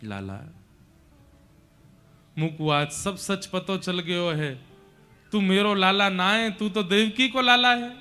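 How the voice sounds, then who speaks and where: A man's voice: high-pitched, expressive, takes it slowly, pauses often, bright, forceful tone, clear, resonant tone, soft background music, exaggerated voice. A man playing grieving mother Yashoda in village dialect. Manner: broken, pleading in Braj dialect.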